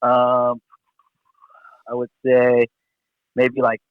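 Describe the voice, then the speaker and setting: A man's voice: medium pitch, monotone, very slow, heavy background noise. A man in casual conversation, slangy and repeating his phrases in agreement, on a dull radio-like recording. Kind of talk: casual chat.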